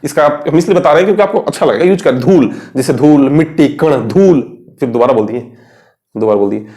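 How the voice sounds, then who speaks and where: A young man with an Indian accent talks through synonyms in a relaxed, conversational lesson. His voice sits a little high for a man. He keeps asking his listeners questions and then answers them himself. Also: fairly quick. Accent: Indian English. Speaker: English teacher. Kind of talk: Hindi-language vocabulary lesson at a board.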